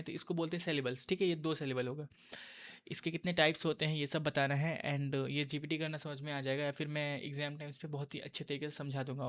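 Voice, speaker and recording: A young man tutors students for an exam in a relaxed, chatty way, calling his viewers bro. His voice sits a touch high for a man and stays fairly level. It sounds like a voice-over made while recording his screen. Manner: casual, addresses viewers as bro. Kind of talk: casual exam-prep lesson.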